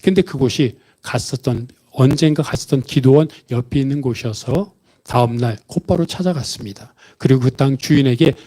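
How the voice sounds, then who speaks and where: A man's voice: medium pitch, a little fast, mellow. A male pastor preaching a Sunday sermon, telling a story and acting out the voices of the people in it.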